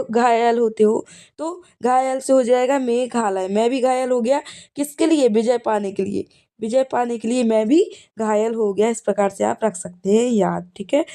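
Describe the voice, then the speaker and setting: In a mellow, fairly high voice, a female teacher leads exam revision built around memory tricks. She goes over the key points again and again, regularly pausing to ask "ठीक है" to make sure the listener is following.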